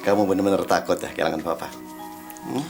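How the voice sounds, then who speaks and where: An actor playing a gentle, middle-aged father who is secretly ill, with a soft, teasing way of talking. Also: sits low, fairly even intonation, fast talker, creaky, over music. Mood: tender.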